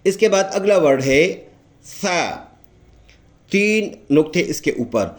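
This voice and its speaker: A man with a Pakistani Urdu accent giving a patient recitation lesson, explaining each letter and repeating it slowly and drawn out. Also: high voice, animated. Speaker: Quran recitation teacher.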